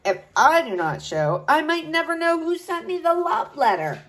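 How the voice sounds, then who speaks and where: A curious, cheerful hedgehog fellow from a picture book, acted out by a woman. He speaks earnestly in a high, lilting voice. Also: very animated, moderate pace, fairly bright tone. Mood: wondering. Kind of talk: storybook character voice.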